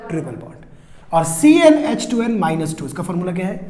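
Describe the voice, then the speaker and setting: A man's voice: high voice, sing-song, brisk, warm tone. An Indian man teaching a chemistry class, counting aloud, quizzing the students and teasing them playfully. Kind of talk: classroom lecture. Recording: echoey classroom.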